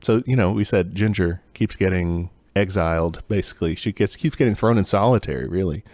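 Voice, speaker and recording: A tired man with a very low voice co-hosts a casual podcast chat. He muses along easily and laughs often. He is recorded close and dry, with no room sound. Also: brisk, no room sound. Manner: laughs often, relaxed and musing. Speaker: podcast co-host.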